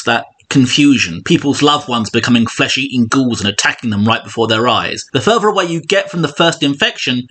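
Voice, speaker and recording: Man, video-essay narration, sardonic, swooping pitch, bright edge. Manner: sardonic, mock-posh asides. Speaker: YouTube film analyst.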